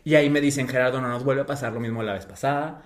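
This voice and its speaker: A man's voice: mid-range voice, fairly even intonation, fast talker. A young Mexican man chatting casually as a podcast guest, telling stories expressively with slang and acted-out dialogue. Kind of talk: casual chat, animated storytelling.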